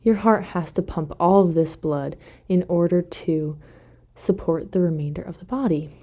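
A woman speaking in a slightly low, warm and mellow voice, hosting a devotional podcast. She talks in a relaxed, conversational way and thinks out loud, pausing to correct herself now and then. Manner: thinking aloud, with self-corrections. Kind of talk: casual faith reflection talk.

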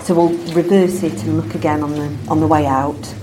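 A woman's voice: sits low, little pitch movement, moderate pace, background noise. A woman giving informal, matter-of-fact explanations as an expert guide in an interview. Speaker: bat surveyor, expert guide. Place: inside a mine tunnel.

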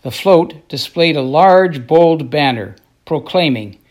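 Higher-voiced male documentary narrator. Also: animated, takes it slowly, a little mellow.

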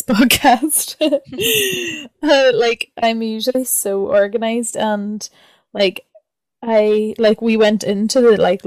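A woman's voice: fairly high pitch, darkish tone, no room sound. A woman with an Irish accent hosting a podcast in informal, loosely phrased casual chat. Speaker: podcast host.

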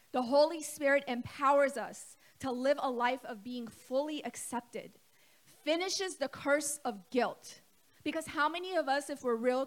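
A woman pastor, middle-aged, delivers a sermon from the pulpit. Her voice sits a little high, and she talks to the congregation directly, throwing questions out to them. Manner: conversational preaching, asks the congregation questions. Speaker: co-lead pastor.

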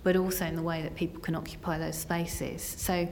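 Woman chatting earnestly in an interview, voice a bit low, says you know a lot, faint rumble behind. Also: flat delivery, fairly quick, a little mellow. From Essex, England. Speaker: interview guest, senior business executive. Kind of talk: conversational interview answers.

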